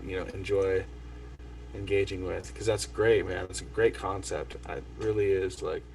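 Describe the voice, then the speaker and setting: A man's voice: sits low, flat delivery, moderate pace, creaky, darkish tone. A man talking enthusiastically and loosely on a video call, with lots of fillers. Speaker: record label host. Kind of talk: casual video call chat. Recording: distant video call mic with faint noise.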